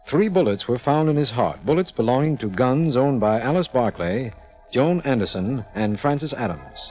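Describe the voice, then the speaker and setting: An actor playing a formal, authoritative district attorney in a 1940s AM radio detective drama. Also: male voice, medium pitch, natural voice. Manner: formal, declarative. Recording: muffled 1940s AM radio recording.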